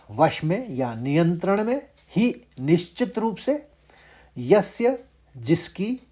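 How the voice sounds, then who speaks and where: A man teaching Sanskrit verse recitation, chanting each line slowly and higher before explaining it word by word. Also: husky. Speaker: Gita teacher. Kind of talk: slow Sanskrit recitation lesson.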